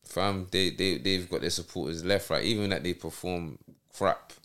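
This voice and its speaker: A man's voice: low-pitched, normal speed, fairly bright tone. South London man telling slangy stories. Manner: street slang, frequent check-in tags. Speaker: interview guest, boxer. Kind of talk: casual anecdotal chat.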